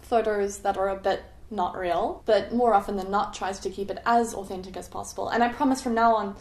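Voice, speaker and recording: A woman's voice: mid-range voice, fairly even intonation, a little fast, a little mellow. A young adult woman talking casually to camera as a vlogger, chatty and self-mocking, often laughing at herself. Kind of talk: casual confessional vlog. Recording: roomy echo.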